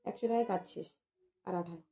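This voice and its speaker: A woman's voice: fairly low pitch, quick pace, creaky, mellow. A woman in casual home chat, coaxing and teasing, repeating her requests. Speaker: wife.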